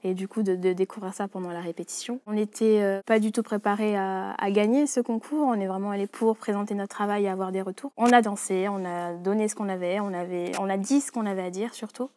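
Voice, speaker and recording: Young woman in her twenties from French Guiana, a dancer-choreographer, speaking in a mid-pitched voice in an interview with many fillers. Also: fairly even intonation, a little fast, few pauses, a little mellow. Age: 20s. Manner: hesitant, many fillers and restarts. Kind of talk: interview monologue.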